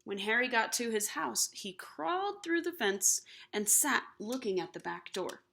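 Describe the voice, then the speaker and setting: A woman reading a children's picture book aloud expressively, animated and slipping in hushed asides to the listeners. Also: a little high, unhurried, creaky. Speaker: storybook reader.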